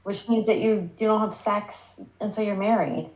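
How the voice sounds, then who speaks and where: A blunt woman on a podcast who swears freely and sounds exasperated as she chats. Her voice sits at a middle pitch. It bounces around a noticeably echoey room. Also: fairly even intonation, normal speed, a little mellow, highs cut off. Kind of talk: casual chat.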